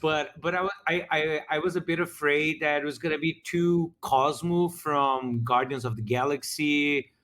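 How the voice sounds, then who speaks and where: A man's voice: fairly high pitch, steady tone, moderate pace, hardly any pauses, fairly bright tone. A man talking casually as a game master, rambling with frequent restarts while reflecting on his campaign. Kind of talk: casual after-show chat.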